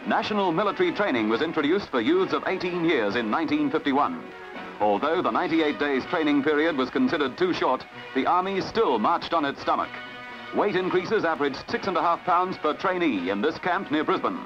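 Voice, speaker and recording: A man gives formal, declamatory narration for an old 1950s newsreel. His voice sits a little high for a man. The sound is muffled and lo-fi, with music playing loudly beneath him. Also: lively intonation, fairly quick.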